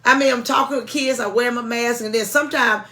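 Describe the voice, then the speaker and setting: A woman's voice: on the high side, fairly even intonation, fairly quick, bright, forceful tone. Folksy woman, church co-host. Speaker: church music director and co-host. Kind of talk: informal announcements and chat.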